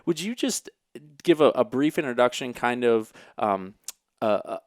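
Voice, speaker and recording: A man's voice: medium pitch, lively intonation, moderate pace, no room sound, studio quality. A man hosting a podcast interview, talking with enthusiasm and many fillers and restarts. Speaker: podcast host. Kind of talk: casual interview.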